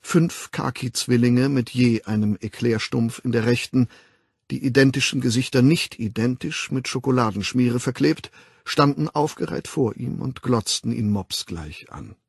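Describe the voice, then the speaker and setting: Gravelly, husky German audiobook narrator. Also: male voice, mid-range voice, no room sound, studio quality. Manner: measured, expressive reading.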